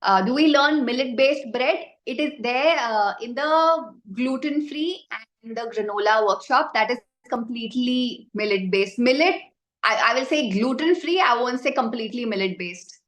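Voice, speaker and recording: A woman's voice: fairly high pitch, moderate pace, fairly bright tone. A woman with an Indian accent informally teaching a live online baking class and chattily answering questions from the group. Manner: informal, chatty explaining, often addressing the group. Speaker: baking instructor. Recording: roomy, echoing sound.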